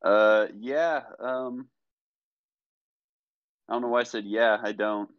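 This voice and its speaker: A young man co-hosts the podcast, teasing his friends and bragging with easy confidence. His mid-pitched voice comes through dry and slightly muffled, with a lo-fi dullness to it. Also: fairly even intonation, takes it slowly, clear, resonant tone, no room sound. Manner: teasing, boastful. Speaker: podcast co-host. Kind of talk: casual chat. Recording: dry, dull lo-fi sound.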